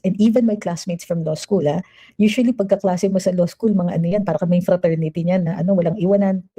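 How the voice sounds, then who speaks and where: A woman hosts livestream commentary, reading out viewer comments and answering them in an emphatic, chatty way. Her voice sits fairly low and sounds very dark and mellow. She mixes Tagalog and English freely.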